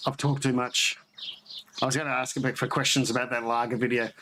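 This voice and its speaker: A man's voice: medium pitch, flat delivery, fairly quick. A man hosting a casual homebrew live chat, rambling and laughing as he signs off. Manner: rambling, chatty, laughs often. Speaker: homebrew channel host. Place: at home, near the garage, partly outdoors. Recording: noisy outdoor audio with birdsong.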